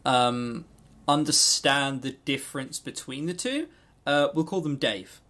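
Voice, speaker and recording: A podcast co-host with a mid-range, sharp-toned voice chats unhurriedly about visual novels. The banter is casual, jokey and sarcastic, rambling off on tangents.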